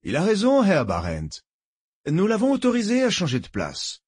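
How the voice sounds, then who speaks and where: Man doing a mocking german officer, lazy amused drawl, voice pushed up high. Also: wildly swooping pitch, moderate pace, darkish tone, breathy edge, no room sound, clean studio sound, heavily acted. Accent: German words in his speech.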